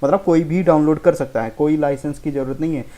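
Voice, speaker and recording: A man's voice: on the high side, fairly even intonation, quick pace, warm tone. A man teaching programming in a casual lecture style, who explains informally, keeps checking in with "okay" and corrects himself as he goes. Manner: informal, keeps saying "theek hai", self-correcting. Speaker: programming tutor. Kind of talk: casual Hindi-English lecture.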